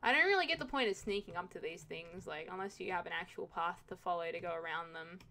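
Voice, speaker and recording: A young woman streamer talks through her game with a bright, forceful voice. She is chatty and jokey, and she swears now and then. Faint noise and keyboard typing sit behind her. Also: on the low side, quick pace. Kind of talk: casual let's-play commentary.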